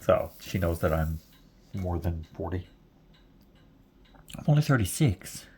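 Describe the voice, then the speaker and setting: A man's voice: deep voice, animated, unhurried, dark tone, slight background noise. A man in his forties chatting casually while he knits, rambling and chuckling often. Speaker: knitting vlogger. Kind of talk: casual chat while knitting.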